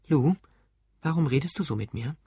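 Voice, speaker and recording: A composed, cutting young wife in an audiobook, as a man puts her on, pitched a little higher than his own voice. She speaks matter-of-factly in a husky, dry voice. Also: lively intonation, moderate pace, dark tone, dry recording, full character voice. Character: calm, sarcastic young wife and mother.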